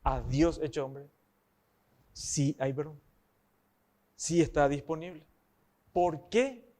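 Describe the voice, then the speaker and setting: High-voiced preacher. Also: male voice, takes it slowly, warm tone. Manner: emphatic, asks the congregation rhetorical questions. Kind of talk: sermon.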